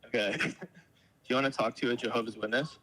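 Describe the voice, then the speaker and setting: A man speaking over a phone on speaker, halting and often asking the other person to hold on, from a subway station. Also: mid-range voice, steady tone, bright, forceful tone, low-quality recording. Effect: heard over a phone on speaker. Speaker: friend on a phone call.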